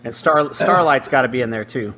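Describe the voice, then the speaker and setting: A man's voice: medium pitch, lively intonation, a little fast, background noise. A man co-hosting a casual podcast chat, laid-back and giving short replies. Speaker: podcast co-host.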